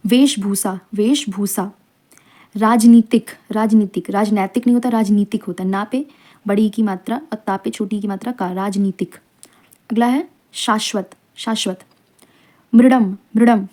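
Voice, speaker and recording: A woman's voice: mid-range voice, unhurried, warm tone. A woman teaching a spelling revision lesson, saying each word several times and spelling out its letters and vowel marks.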